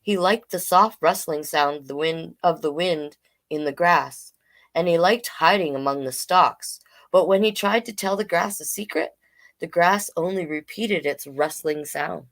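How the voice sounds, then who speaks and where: Speaking in a lowish, unhurried voice, a woman acting as drag king storyteller hosts a storytime. She reads picture books casually and interrupts herself with chatty comments.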